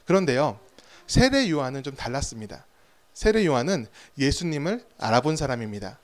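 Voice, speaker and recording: A man's voice: mid-range voice, big pitch swings, fairly quick. A man preaching a sermon as pastor, telling stories with rhetorical questions and acted-out quotes.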